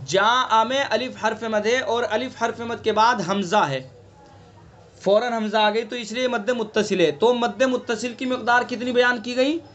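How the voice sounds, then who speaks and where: A man's voice: extremely high pitch, fairly even intonation, normal speed, fairly bright tone. A man with a Delhi Urdu accent teaching Quran recitation in an online class, patiently explaining, quizzing students and stretching out sounds to demonstrate. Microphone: online class call.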